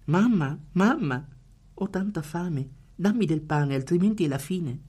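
A man's voice: high-pitched, animated, a little slow, darkish tone, husky, voice pushed up, exaggerated voice. A man voicing a starving little child who begs his mother for bread in a dramatic poetry reading. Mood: desperate pleading. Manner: pleading, desperate.

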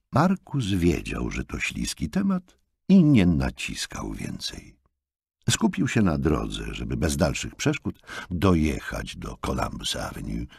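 A man narrating an audiobook in an expressive, animated reading style. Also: rumbling low, gravelly, breathy edge, no echo, clean studio sound.

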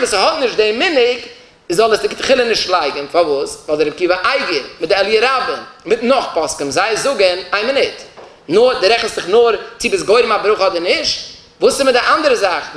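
A man's voice: high-pitched, animated, fairly quick, a bit bright. A man, a rabbi, giving a religious law lecture and explaining points by posing questions and then answering them. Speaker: rabbi teaching a Torah class. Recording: roomy echoey room.

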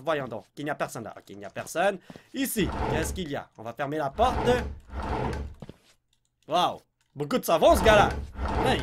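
A man with a Québécois French accent commentating a game in an excitable, jumpy way. His voice sits high and swings widely up and down, and he blurts out English exclamations whenever something surprises him. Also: a little hiss or hum. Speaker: let's play host. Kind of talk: gameplay commentary.

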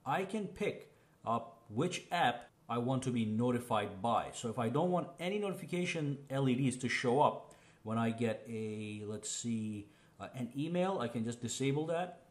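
A man giving a casual step-by-step walkthrough of phone settings, chatty and explanatory, checking in with the viewer as he goes. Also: a little mellow. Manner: chatty, explains step by step, often says "okay?" and "boom". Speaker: tech reviewer.

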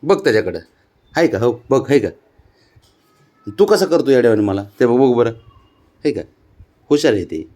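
A man's voice: medium pitch, big pitch swings, moderate pace, long pauses, mellow, soft background music. A man at home chatting to his cat, coaxing and teasing it in baby talk. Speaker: cat owner filming his pet. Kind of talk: casual talk to a pet.

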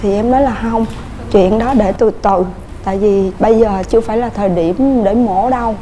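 A woman with a Southern Vietnamese accent, a guest on a TV couples show, telling her family story quickly and earnestly in a studio. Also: medium pitch, dark tone, a little hiss or hum. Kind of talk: emotional personal storytelling.

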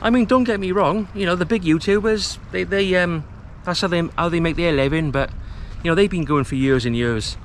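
A man in his thirties from Wales, chatting easily to the camera outdoors on a rocky estuary shore while he fishes, relaxed and self-deprecating. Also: sits high, brisk, hardly any pauses, a little hiss or hum. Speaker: fishing vlogger. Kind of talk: casual talk to camera. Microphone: camera mic, close framing.

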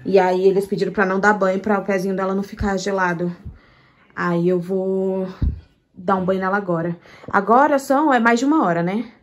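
A woman's voice: medium pitch, fairly even intonation, fairly quick. A tired young woman, a new mother, chatting casually to her viewers in a vlog in a tender, talkative way. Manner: chatty, tender, often says "gente" and "meu Deus".

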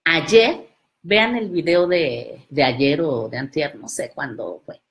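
A woman's voice: low voice, slow pace. A woman giving a live motivational talk, emphatic and speaking directly to the listener.

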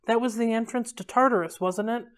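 A woman's voice: a little high, fairly quick, natural voice. A woman voicing an earnest teenage boy explaining himself to powerful elders.

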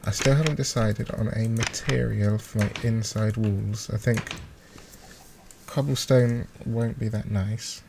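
This gaming video host has a fairly low, gravelly voice with a steady tone, speaking a little slowly. He thinks aloud through a casual, hesitant let's play while his mouse clicks away. His close desktop mic runs at high gain and picks up keyboard noise as well.

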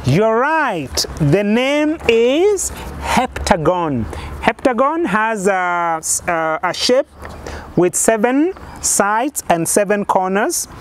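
Slow, high-voiced man, kids show host. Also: big pitch swings. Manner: asks guessing questions, counts aloud step by step. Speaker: children's lesson presenter. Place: outdoors on a lawn in a yard. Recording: faint outdoor background noise.

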